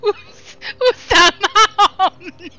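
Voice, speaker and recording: A young woman chatting through a co-op video game session, excitable and self-mocking, often laughing and shouting at the game. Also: very high-pitched, very slow. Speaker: streamer playing a co-op video game. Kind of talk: casual let's-play chatter.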